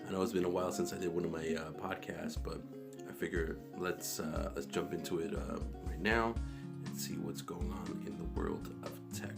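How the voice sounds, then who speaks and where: A man's voice: sits low, fairly even intonation, normal speed, gravelly. A man vlogging about tech in a rambling, casual way, recorded on a phone in a small echoey bathroom. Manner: rambling, many restarts and fillers. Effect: echoey bathroom sound. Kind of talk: casual tech talk to camera. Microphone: phone camera. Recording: echoey bathroom with background guitar music.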